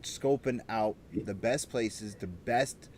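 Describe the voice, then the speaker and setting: Excitable male talk-show host. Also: on the low side, slow, slight background noise. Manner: animated, excitable, repeats himself. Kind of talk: casual chat.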